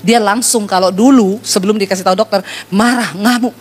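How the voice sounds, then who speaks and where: A woman's voice: medium pitch, fairly even intonation, fairly quick, breathy edge. A woman pastor preaching a sermon, telling humorous stories and speaking straight to her congregation. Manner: humorous storytelling, addresses congregation.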